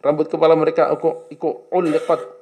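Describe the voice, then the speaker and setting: Gravelly man coaxing a quiet class. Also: a little high, little pitch movement, a little fast. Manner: questioning, coaxing students to answer. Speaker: Islamic teacher. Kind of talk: classroom lesson on Arabic text.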